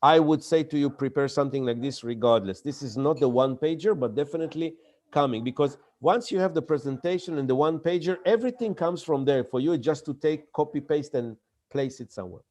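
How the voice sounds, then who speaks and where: A man for whom English is not his gives an emphatic lecture on startup pitching, repeating key words and acting out examples. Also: fairly quick, a little mellow.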